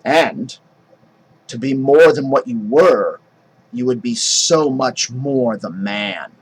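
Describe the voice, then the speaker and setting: A man's voice: mid-range voice, animated, slow, slightly rough, heavily acted, poor audio. Lady Macbeth, read plainly by a man. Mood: measured. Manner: plain classroom reading of verse. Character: scheming noblewoman urging her husband.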